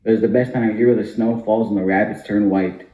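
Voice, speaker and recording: A man's voice: lowish voice, fairly even intonation, quick pace. A man narrating a comic story for an amateur puppet show. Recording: muffled, echoey room.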